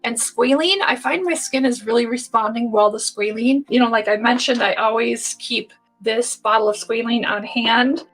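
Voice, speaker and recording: Chatty woman with a husky, gravelly voice. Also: on the high side, moderate pace, few pauses, fairly bright tone, faint music behind, low-quality recording. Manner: chatty, enthusiastic, addresses viewers as you guys. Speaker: beauty vlogger. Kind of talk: casual product review.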